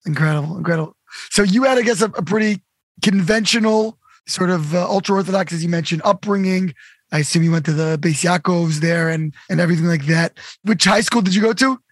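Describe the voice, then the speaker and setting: A middle-aged man hosting a podcast interview, upbeat and quick to cheer his guest on with "amazing" and "incredible". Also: high voice, no echo, clean studio sound. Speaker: podcast host. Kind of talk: casual interview.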